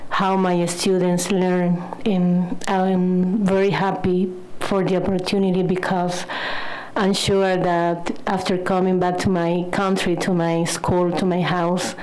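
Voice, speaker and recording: A woman introduces herself as a high school English teacher. She speaks in a low, fairly level voice with a steady, sincere manner. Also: low-quality recording. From Dominican Republic. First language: Spanish. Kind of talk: formal self-introduction.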